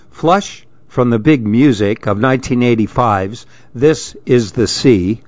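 A man's voice: medium pitch, no room sound. A man hosting a radio reading program, reading magazine articles aloud. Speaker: radio reading-service host. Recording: dull, lo-fi radio recording.

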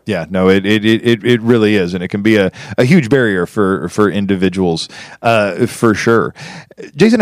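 An interview podcast host speaks enthusiastically at medium pitch, often repeating words as he restarts his sentences. The sound is clean studio quality with no echo.

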